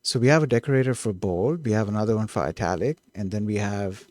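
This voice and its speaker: A man streaming himself coding, thinking aloud, who gets excited and keeps correcting himself mid-thought. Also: on the low side, fast talker, no echo. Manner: excitable, self-correcting, trails off and restarts.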